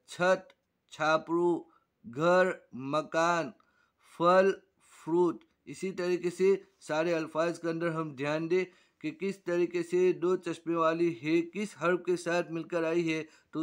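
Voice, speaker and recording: A man teaching an Urdu reading primer, slowly repeating each word to drill it. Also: fairly high pitch. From Gujarat, India.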